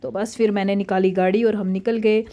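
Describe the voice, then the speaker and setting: A woman in her thirties, a mother narrating a family vlog in a chatty, excitable way. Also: mid-range voice, a little fast.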